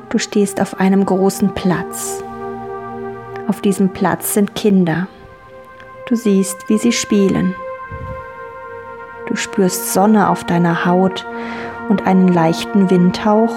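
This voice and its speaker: A woman guiding children through a relaxing dream journey, speaking calmly and soothingly with gentle repetition. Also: mid-range voice. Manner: slow, calm, soothing and repetitive. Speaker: guided relaxation guide for children. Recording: soft music bed. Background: soft music.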